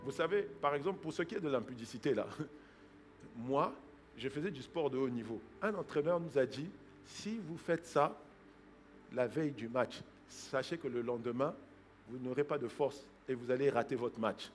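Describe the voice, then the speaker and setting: A man at medium pitch preaches a sermon as pastor, expressive and at a moderate pace, with a little hiss or hum in the audio. He goes from hushed remarks to loud exhortation, mimics people's excuses in quoted voices, and breaks into tongues.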